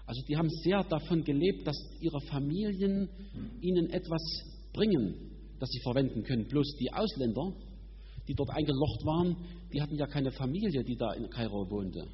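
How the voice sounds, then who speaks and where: A man's voice: fairly high pitch, animated. Guy giving a sermon, punchy and down to earth, long hall echo, kinda muffled. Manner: emphatic, colloquial, speeds up and slows down for effect. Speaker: preacher. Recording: dull sound in a reverberant hall with faint hum.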